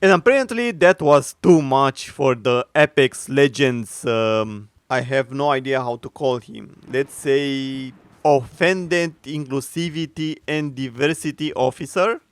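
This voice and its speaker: Sarcastic male commentary voice, smooth and dry. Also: medium pitch, no echo. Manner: sarcastic, mocking, frequent filler pauses. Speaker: commentary youtuber. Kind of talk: opinionated video commentary.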